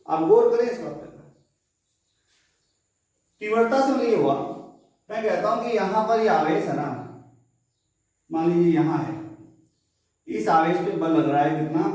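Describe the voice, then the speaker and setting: A man's voice: high-pitched, darkish tone. Male physics teacher in an echoey room, picked up from a distance. Lecture style, drags out key terms. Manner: asks the class questions and answers them himself; slows down and stretches out key phrases. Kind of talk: classroom lecture.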